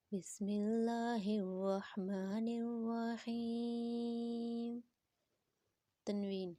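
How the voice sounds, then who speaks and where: A woman teaching Quran reading, drilling syllables slowly and patiently, then explaining quickly. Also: medium pitch, warm tone, no room sound, studio quality. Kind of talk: slow drilled recitation lesson.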